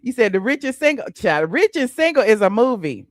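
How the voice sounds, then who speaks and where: A woman's voice: on the high side, big pitch swings, brisk, no echo, clean studio sound. Chatty woman with an Atlanta accent. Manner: chatty, sassy, many fillers and asides. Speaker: host. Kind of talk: casual live-stream chat.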